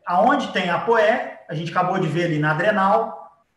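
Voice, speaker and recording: His voice is high and fairly bright, at normal speed, captured from a distance in a room full of echo. This Brazilian-accented biology teacher gives a casual, explanatory lecture with drawing, regularly checking understanding through short tag questions.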